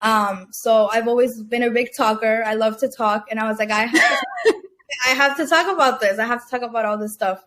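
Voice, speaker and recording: Young woman from Cuba, interview guest, a little high-pitched, chatty with lots of fillers and restarts. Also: brisk, fairly bright tone, a little hiss or hum. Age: young adult. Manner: chatty, many fillers and restarts, laughs often. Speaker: guest entrepreneur. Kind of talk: casual interview chat.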